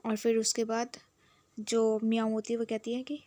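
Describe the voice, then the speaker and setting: A woman's voice: fairly high pitch, monotone, normal speed, warm tone, no echo. A woman narrating a casual, chatty, plot-by-plot recap of a romance series.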